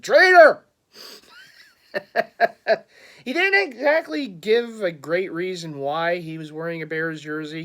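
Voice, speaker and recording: A man's voice: a little high, a bit bright. A man, rambling through a casual sports vlog full of stammered restarts and chuckles. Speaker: sports fan vlogger.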